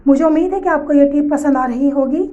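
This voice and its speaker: A woman's voice: sits high, brisk, dark tone, muffled recording. A woman giving step-by-step household tips at home. She speaks straight to her viewers, patiently repeating each step.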